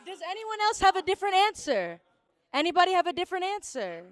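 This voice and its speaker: A woman's voice: extremely high pitch, big pitch swings, fast talker, no echo. A woman hosting a casual podcast interview, teasing her guests and laughing often. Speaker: podcast host.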